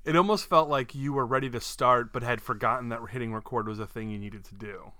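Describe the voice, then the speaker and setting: Male podcast host, bright forward voice, playful ribbing, meandering casual delivery. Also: mid-range voice, fast talker, dry recording. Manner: teasing, rambling explanations.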